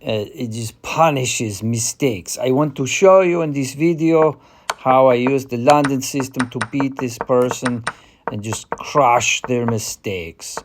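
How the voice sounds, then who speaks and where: A man playing a confident chess player with an Eastern European accent, explaining a game in a deliberate, hesitant way. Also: medium pitch, slight background noise, close to an everyday voice. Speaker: chess player giving a tutorial.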